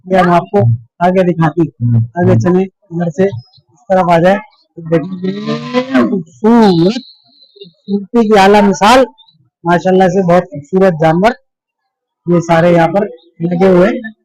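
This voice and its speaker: Chatty high-voiced vlogger. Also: male voice, takes it slowly, long pauses, darkish tone, dry recording, low-quality recording. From Pakistan. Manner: chatty, repeats himself, jokes with animals and bystanders. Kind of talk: casual walking vlog commentary. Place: busy indoor livestock expo hall.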